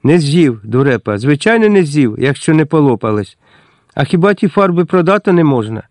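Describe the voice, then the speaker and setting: A man voicing a harsh, scolding middle-aged landlady in a storybook reading, shrill and quick to insult. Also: big pitch swings, darkish tone, dry recording, clean studio sound. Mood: furious.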